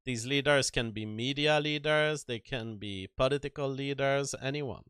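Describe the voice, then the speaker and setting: A man hosting a solo livestream, giving opinionated commentary in a deliberate manner with rhetorical questions and repetition. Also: medium pitch, a bit bright, smooth, no room sound, studio quality. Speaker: livestream host.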